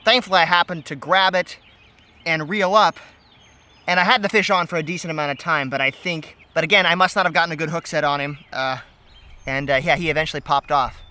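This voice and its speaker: A young adult man vlogs a fishing trip by a river and creek, talking in an animated, brisk way with a voice on the high side and exclaiming often. An action camera worn on his body and held at arm's length picks up faint outdoor noise.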